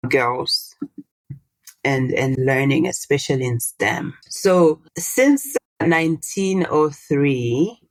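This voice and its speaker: A low-pitched Tanzanian woman in her thirties, a Swahili-speaking social entrepreneur, is a guest in a relaxed, casual interview, explaining things animatedly and asking her listener questions. The sound is close and dry with no room or echo.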